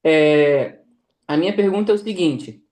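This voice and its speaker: A man's voice: fairly high pitch, lively intonation, a little slow, a little mellow. A Brazilian man on a group call who sets out background at length before asking his question. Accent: Brazilian Portuguese. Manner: lays out context before asking. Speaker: participant on the call. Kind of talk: casual chat on a group call.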